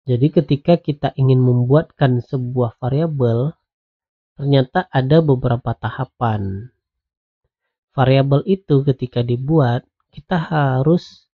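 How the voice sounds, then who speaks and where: A man giving a programming lecture while coding on screen, explaining slowly and patiently with lots of "nah" and "ya". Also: medium pitch. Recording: tinny phone-like audio.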